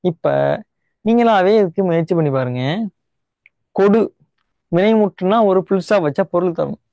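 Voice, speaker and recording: A young male teacher with a Tamil Nadu Tamil accent explains grammar step by step, slowing down to repeat each key word. His voice sits high for a man. The sound is dry and close, with no room echo. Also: expressive, mellow. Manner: explains step by step, often checks in with "right?"; repeats key words slowly to stress them. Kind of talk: online exam-prep lesson.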